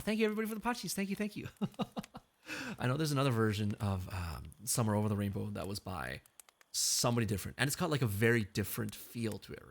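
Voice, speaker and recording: This male VTuber has a gravelly voice and a loose, jokey manner as he talks between songs. Reading comments aloud and teasing his chat, he lets his pitch rise and fall widely.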